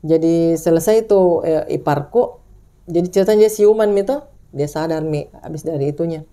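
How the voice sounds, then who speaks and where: In a warm tone at normal speed, an Indonesian woman relates a ghost story during casual talk. She meanders, starts over repeatedly, and imitates the people in the story in a high pitch.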